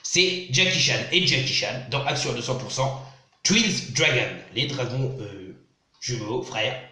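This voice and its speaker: Bright-voiced man with a sore throat. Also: mid-range voice, lively intonation, unhurried, echoey room. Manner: enthusiastic, reads back-cover blurbs aloud. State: slightly sick with a sore throat. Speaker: YouTuber unboxing film DVDs. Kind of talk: casual unboxing vlog. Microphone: phone.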